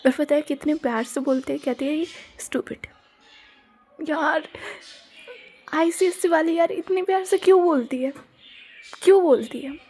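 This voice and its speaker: A woman's voice: high voice, normal speed, pauses often, darkish tone, close to an everyday voice. A woman voicing a lovestruck, dramatic teenage schoolgirl in a Hindi audio story, gushing and slangy.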